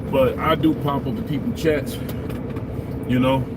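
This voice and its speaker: Streetwise male trucker over loud road noise. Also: mid-range voice, steady tone, measured pace. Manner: streetwise, emphatic, repetitive, profane trucker talk. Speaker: truck driver livestreamer. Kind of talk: casual rambling livestream monologue. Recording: loud vehicle road noise, distant mic.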